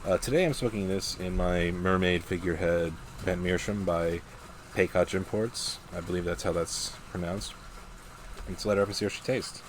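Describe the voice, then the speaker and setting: A man with a very deep voice talks through a casual demonstration and review. He is measured and a little hesitant, thinking aloud as he goes. A clear rumbling noise sits behind his voice. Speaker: pipe tobacco reviewer. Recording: clear steady background noise, vehicle-like rumble.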